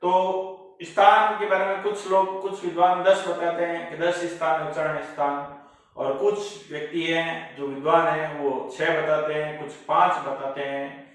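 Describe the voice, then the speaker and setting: Male teacher, slightly high voice, unhurried step-by-step lecture delivery; heavy room echo, mic placed at a distance. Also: flat delivery. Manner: slow, deliberate, spells out each part. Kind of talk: slow classroom lecture. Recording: echoey room, voice far from mic.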